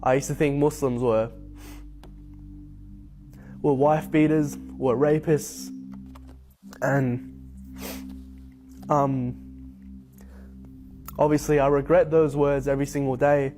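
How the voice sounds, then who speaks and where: A young man from Hong Kong telling his personal story to camera, reflective and unhurried, with frequent ums. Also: medium pitch, steady tone, warm tone. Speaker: convert sharing his story. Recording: faint music bed behind voice.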